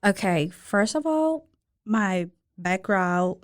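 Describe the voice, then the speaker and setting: A woman from Thailand with a Thai accent, a restaurant owner in a casual interview, speaking halting English with simple, broken grammar. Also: mid-range voice, lively intonation.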